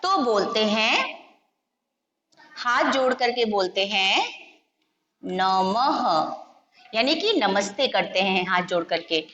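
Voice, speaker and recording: A woman teacher giving a slow Hindi phonics lesson for young children. She stretches out and repeats each sound and mixes words into her explanations. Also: medium pitch, big pitch swings, bright, forceful tone, muffled recording, a little hiss or hum. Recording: echoey room with long reverb.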